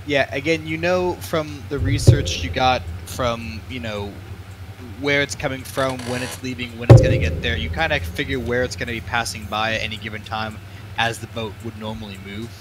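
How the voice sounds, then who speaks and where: A man narrating as game master in a casual, halting way, with lots of fillers. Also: mid-range voice, fairly even intonation, background noise.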